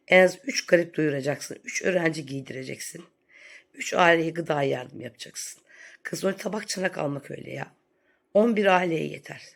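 A woman's voice: sits low, gravelly. A woman vlogger delivering a sarcastic, scolding rant in a commentary vlog.

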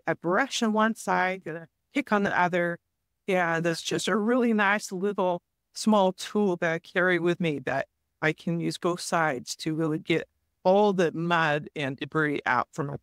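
A woman guest on a podcast interview, calmly explaining forest disease prevention in a measured, advice-giving way. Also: fairly low pitch, no room sound, clean studio sound. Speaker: forest health guest expert.

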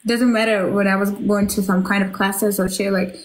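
A Russian-raised woman in her twenties hosts a casual livestream on her phone's front camera from a small bedroom lit with colored lights, rambling chattily with plenty of fillers and offhand swearing. Her medium-pitched voice stays fairly flat at normal speed, and the rough recording carries a bit of hiss or hum.

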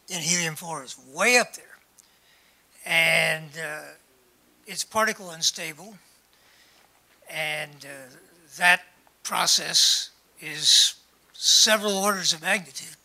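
A man's voice: high voice, pushed and bright. An older man in the audience asking probing technical questions at a stand mic.

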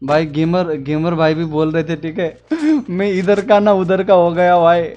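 Excited high-voiced man calling out plays. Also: a little slow, lo-fi sound. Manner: excited shouting callouts. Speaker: gamer streamer. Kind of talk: live gameplay squad chat.

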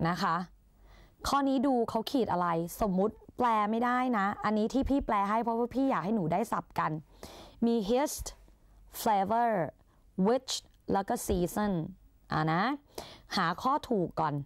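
A woman's voice: medium pitch, animated, unhurried, no echo, clean studio sound. A young woman tutoring exam English in a chatty, playful way, casting herself as an older sister who coaxes her students along. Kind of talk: Thai exam-prep lesson.

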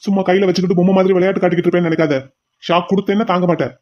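A man's voice: high voice, flat delivery, rapid-fire, muffled recording, close to an everyday voice. Man voicing a cruel mocking kidnapper. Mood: menacing. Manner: taunting, threatening questions. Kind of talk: cartoon drama voice acting.

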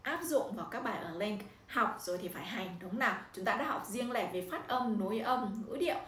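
A Vietnamese-accented woman tutor giving an instructional language-learning talk, animated and exaggerating intonation when demonstrating. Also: mid-range voice, fairly quick, over music. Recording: echoey room, somewhat distant mic, faint noise.

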